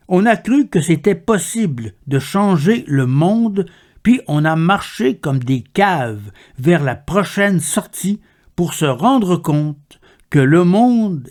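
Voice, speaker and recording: A man reads poems in an unhurried, deliberate way. His voice sits a little high for a man, and he lets each line settle before the next. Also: a little mellow. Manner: measured, deliberate recitation. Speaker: poetry reader. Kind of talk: slow poetry reading.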